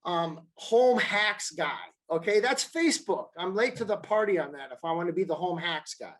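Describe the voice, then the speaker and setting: A man's voice: sits high, animated, normal speed, fairly bright tone. A man who works as a mortgage advisor, chatting on a podcast in an emphatic style and repeating himself for stress. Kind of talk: casual podcast chat.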